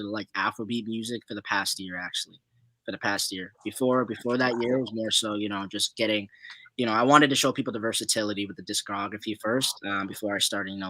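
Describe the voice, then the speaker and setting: A man's voice: fairly low pitch, pushed and bright, no echo, low-quality recording. A young man from Zimbabwe, a guest musician answering interview questions in a loose, laid-back way full of fillers.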